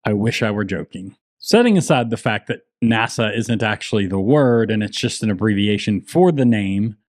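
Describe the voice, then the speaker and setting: A man's voice: on the low side, lively intonation, moderate pace, a little mellow, no echo, studio quality. A man hosting an explainer video, delivering scripted commentary in an emphatic, sarcastic way with rhetorical questions. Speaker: host of a Bible-explainer video channel.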